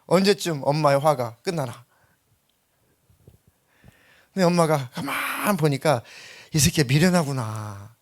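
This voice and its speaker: A man's voice: lively intonation, normal speed. A middle-aged man preaching a sermon as pastor, telling stories and acting out the quoted voices. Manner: storytelling, acting out quotes with sudden high-pitched bursts.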